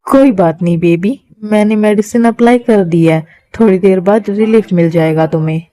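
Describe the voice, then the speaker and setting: A woman's voice: mid-range voice, normal speed, dark tone, no room sound, lightly acted. A woman voicing a possessive, menacing young man in a Hindi fan-dub drama, commanding and controlling. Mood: tender.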